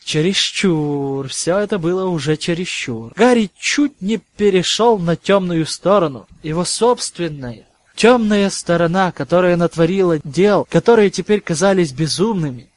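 Male audiobook narrator, fairly high voice, dry close sound, measured telling. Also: expressive, no echo.

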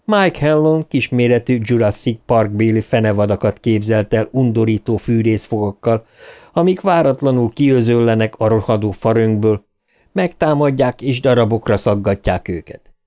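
A man reading an audiobook aloud in an expressive, dramatic narration style. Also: medium pitch.

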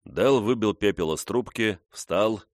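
A man narrating a novel as an audiobook in a steady, even reading. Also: on the low side, a little slow, dry recording, clean studio sound. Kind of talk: scripted narration.

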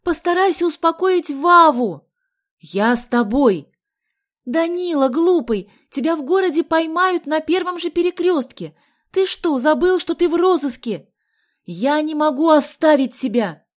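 A woman's voice: medium pitch, lively intonation, moderate pace, mellow, close to an everyday voice. A woman reading an audiobook aloud, voicing a determined, commanding teenage girl. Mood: urgent, shouting. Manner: urgent, commanding. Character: determined teenage girl Galya, bossy and brave. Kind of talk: audiobook character voice.

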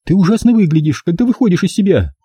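A man's voice: high-pitched, sing-song, fast, warm tone, slightly rough, dry recording, pitched above the performer's own voice, exaggerated voice. A man voicing a fussy, anxious middle-aged mother who nags her grown son in an audiobook. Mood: fretting. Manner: smothering, nagging. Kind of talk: audiobook character voice.

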